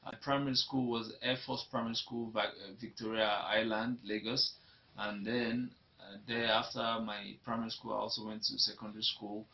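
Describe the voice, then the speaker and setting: A young man speaks with a Nigerian accent, his voice lowish, flat, and touched with vocal fry at a moderate pace. He is Nigerian and shares his life story in an interview, reflective and frequently repetitive, as personal testimony. The audio is dull and lo-fi.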